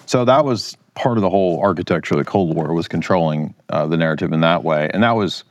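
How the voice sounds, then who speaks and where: Deep-voiced man in casual political commentary. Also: fast talker. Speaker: podcast guest.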